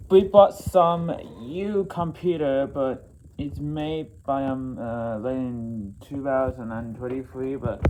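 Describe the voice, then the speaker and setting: A man talking in a casual vlog, rambling and halting with many fillers and restarts. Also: mid-range voice, steady tone. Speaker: vlogger. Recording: loud background noise.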